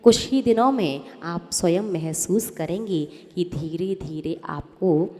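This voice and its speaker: A woman, a Jain nun, teaching a hymn in a sermon-style lesson, chanting the verses slowly and correcting pronunciation line by line. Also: lowish voice, a little mellow, in a large hall.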